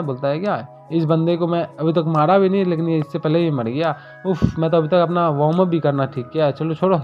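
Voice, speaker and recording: A man retelling a manhua story in casual, colloquial speech, briefly voicing the characters' lines. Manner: colloquial, voices characters' lines with shifts in pitch. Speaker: manhua recap narrator. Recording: dull lo-fi voice-over with faint music.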